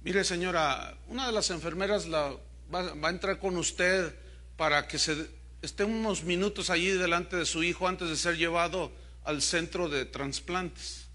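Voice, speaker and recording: A man's voice: high-pitched, moderate pace, bright, forceful tone. Man playing a grave solemn surgeon.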